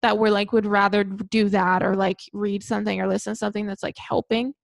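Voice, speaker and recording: Woman podcast co-host, chatty and filler-heavy, some vocal fry, close dry mic. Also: mid-range voice, level tone, fairly quick, no echo. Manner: chatty, full of fillers and little acted-out asides. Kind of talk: casual chat.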